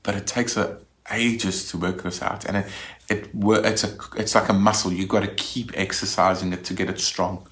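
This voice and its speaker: Lowish male voice, conversational minister. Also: little pitch movement, normal speed, fairly bright tone. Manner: conversational, with frequent restarts. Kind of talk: recorded Sunday reflection.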